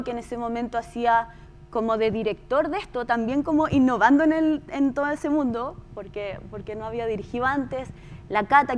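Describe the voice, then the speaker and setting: A Chilean woman who works as a podcast producer gives a talk, telling a story in an informal, conversational way and repeating herself for emphasis. Her voice is high-pitched, with slight background noise.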